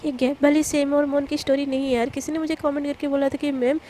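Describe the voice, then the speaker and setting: A hoarse woman narrating a love story in a chatty, casual way, speaking straight to her listeners. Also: high voice, flat delivery, fast, dark tone, slight background noise.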